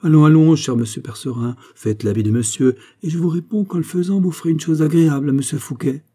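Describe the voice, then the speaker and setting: A smooth, cunning bishop, voiced by a man reading aloud. He speaks softly and persuasively. The voice is lifted a little above the reader's dark, husky tone. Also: on the high side, fast, voice pushed up, lightly acted. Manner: soft and persuasive.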